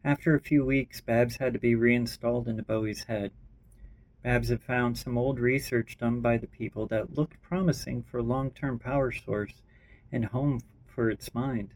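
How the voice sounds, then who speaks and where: A man reading his own rough story draft aloud, unrehearsed, with small slips and restarts. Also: medium pitch, fairly even intonation, moderate pace, a little mellow. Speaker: writer and narrator.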